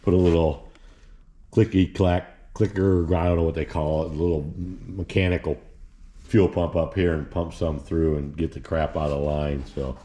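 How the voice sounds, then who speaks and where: A man's voice: a bass voice, steady tone, normal speed, dark tone. A man casually talking through his work on an old car in his home garage, rambling and plain-spoken with many fillers and restarts. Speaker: hobby mechanic and channel host. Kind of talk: casual narration while working on a car.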